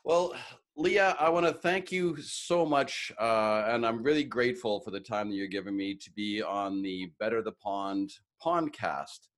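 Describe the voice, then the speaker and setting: A man's voice: on the low side, measured pace. A man hosting a podcast interview, enthusiastic and chatty with some filler words. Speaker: podcast host. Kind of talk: casual interview.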